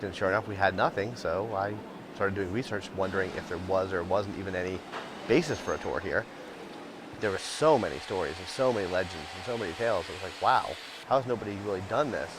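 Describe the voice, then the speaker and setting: Middle-aged male tour guide, low-pitched, matter-of-fact interview storytelling, noticeable background noise. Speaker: ghost tour company owner and guide. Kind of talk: unscripted interview, storytelling about own work.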